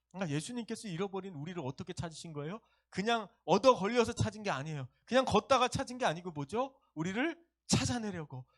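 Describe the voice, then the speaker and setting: A male pastor preaching a sermon, keeps asking the congregation questions and joking with them. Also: high-pitched. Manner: lively, asks the congregation questions and jokes. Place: church service.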